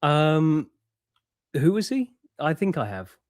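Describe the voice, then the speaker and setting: A man's voice: fairly high pitch, very animated, slow, a little mellow. A man chatting as a podcast guest, laid-back and hesitant, often stumbling over his words. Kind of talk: casual chat.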